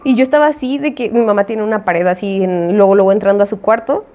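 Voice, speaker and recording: A woman's voice: mid-range voice, quick pace, mellow. Slangy Mexican woman telling a dream. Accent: Mexican Spanish. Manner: slangy, chatty, acts out her own reactions. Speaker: indie game developer and vlogger. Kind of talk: casual storytelling.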